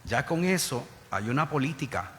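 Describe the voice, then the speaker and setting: Expressive and moderately paced, with a medium-pitched voice, this middle-aged Bronx native and former federal agent offers earnest testimony before a panel, often starting over. His words echo with hall reverb and faint ambience.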